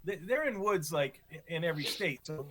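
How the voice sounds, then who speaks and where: A man's voice: a little high, lively intonation, brisk, a bit bright. A laid-back man chatting on a podcast and easily amused by his own story. His remote audio crackles, drops and cuts out. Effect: choppy remote audio that crackles and cuts out. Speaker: podcast co-host. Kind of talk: casual chat.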